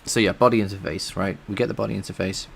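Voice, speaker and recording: During a casual live-coding stream, an English-speaking man talks through his work out loud and replies to chat messages. He speaks fast in a lowish, gravelly, steady voice over slight background noise.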